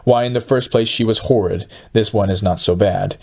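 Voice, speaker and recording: A man's voice: lowish voice, moderate pace, vocal fry, a little mellow. A man voicing a coarse, huge poor woman in a storybook, spiteful and outraged in her speech. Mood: enraged, spiteful.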